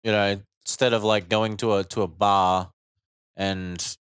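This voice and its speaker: A man's voice: fairly low pitch, steady tone, unhurried, fairly bright tone, clean tone, dry recording, studio quality. A man in casual, blunt, sweary banter while playing a video game. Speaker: gaming commentator.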